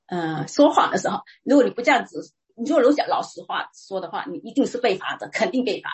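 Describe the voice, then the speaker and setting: A middle-aged woman giving a personal church testimony, retelling it in a lively, chatty way with frequent restarts. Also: medium pitch, quick pace.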